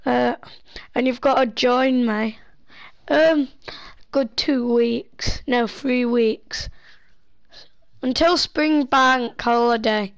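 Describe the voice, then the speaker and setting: Woman, high voice, gravelly edge, excitable gaming chat, bossy calls, faint music behind. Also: very slow, pauses often, no echo, poor audio. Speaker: gamer. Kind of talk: live gameplay chat with teammates.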